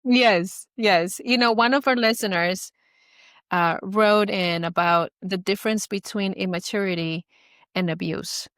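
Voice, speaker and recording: A woman hosting a podcast, speaking gently and reassuringly to her co-host and her listeners. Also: mid-range voice, a little slow, no echo, studio quality. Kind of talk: supportive podcast conversation.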